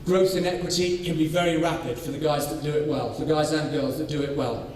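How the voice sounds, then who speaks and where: Man presenting at a conference, fairly high voice, hesitant with fillers, heard from far off in a big echoing room. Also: steady tone, a little mellow, slight background noise. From North Wales. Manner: measured, with frequent ums and restarts. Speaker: farming scholar presenting his study. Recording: echoey hall, voice from far off.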